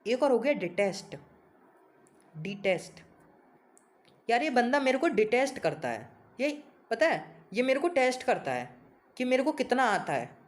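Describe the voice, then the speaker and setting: A man's voice: very high voice, big pitch swings, a little slow, long pauses. A man teaching English vocabulary in a casual coaching lesson, talking informally to his students and spelling words out letter by letter.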